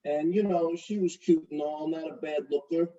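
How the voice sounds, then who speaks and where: An actor playing a brash, crude, middle-aged mobster-type fiancé who swaggers and wisecracks in a comedy courtroom sketch. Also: male voice, a little high, fairly even intonation, moderate pace, dark tone, far from the mic, highs cut off, natural voice. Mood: swaggering. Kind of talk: comedic courtroom parody acting.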